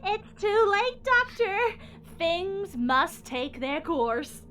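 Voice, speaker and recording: A woman playing a smug, cold villainous scientist who taunts in a drawn-out, theatrical way in an audio drama. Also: very high-pitched, sing-song, fairly bright tone, a little hiss or hum, heavily acted. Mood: gloating.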